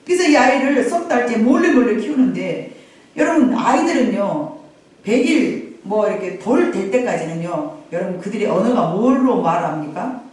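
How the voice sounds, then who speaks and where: A middle-aged woman pastor telling a Bible story in a lively, conversational sermon, repeating phrases and addressing the congregation directly. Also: medium pitch, moderate pace. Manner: animated, repetitive, conversational asides to the congregation. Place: church sanctuary. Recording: very echoey sanctuary, from far off.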